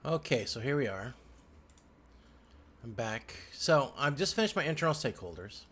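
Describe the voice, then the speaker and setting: A medium-pitched man with a fairly bright, breathy-edged voice speaks in an animated way at a moderate pace. Recording a casual, unscripted software walkthrough indoors at his computer, he thinks out loud and murmurs to himself amid typing, clicking, and background noise.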